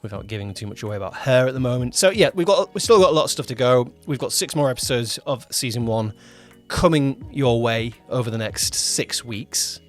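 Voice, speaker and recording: Co-hosting a relaxed behind-the-scenes podcast, an audio drama producer-director talks fairly quickly in a mid-range voice with lively intonation and barely any pauses. He rambles, frequently rephrasing himself mid-sentence, as soft music plays behind him.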